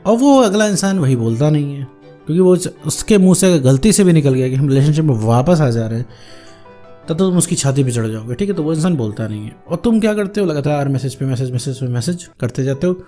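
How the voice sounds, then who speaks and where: A man talks straight to the viewer about breakups, quick and a bit high. His tone is mellow and informal, and he repeats points for emphasis. Soft music plays under his voice. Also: lively intonation. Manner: informal, addresses viewer as "bhaiya" and "my friend"; repetitive, emphatic phrasing. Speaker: relationship advice host. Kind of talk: direct-address advice talk.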